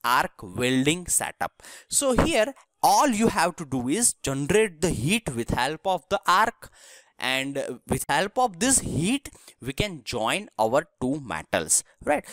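A man's voice: a little high, fairly bright tone, no echo. A man from India giving a recorded engineering lesson, explaining step by step and checking in with "right?". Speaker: engineering lecturer. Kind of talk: recorded technical lecture.

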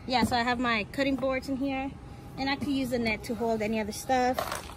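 A young woman whose voice sits high talks a little fast with fairly even intonation as she casually shows a homemade build, explaining each step. She is outside on a driveway beside a house, picked up by a handheld camera's mic nearby amid loud outdoor noise.

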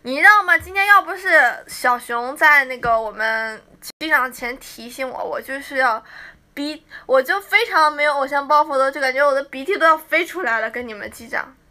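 Teen girl idol, casual livestream chatter, high-pitched and bright, teasing and chatty. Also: lively intonation, normal speed. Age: teens. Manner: chatty, playful, mimics fans' teasing.

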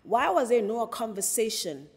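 A woman's voice: a little high, sing-song, normal speed, a little mellow, breathy edge, big-room sound. A woman with a South African accent, speaking earnestly as a podcast co-host and mixing English with Sesotho in casual panel talk.

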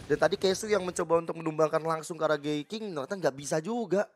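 A man's voice: fairly high pitch, fast. A man with an Indonesian accent doing live esports commentary and analysis, in flowing explanations peppered with English gaming terms. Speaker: esports co-caster.

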